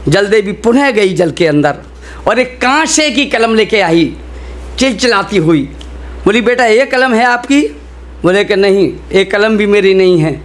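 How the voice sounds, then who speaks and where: High-voiced comic storyteller man. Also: a little slow. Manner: animated, acts out characters' lines. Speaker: comic poet.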